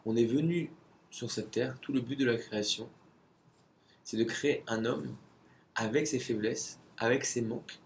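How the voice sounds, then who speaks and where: A man teaches a spoken religious lesson with a gravelly, creaky voice at an ordinary pitch. He talks conversationally, poses rhetorical questions and now and then hunts for a word. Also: normal speed, slight background noise.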